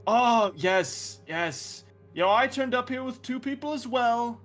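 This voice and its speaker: A man voicing a smug, preening man of high society in a tabletop game. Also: expressive, unhurried, a bit bright, soft background music, heavily acted. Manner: preening, self-satisfied. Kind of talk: tabletop role-play.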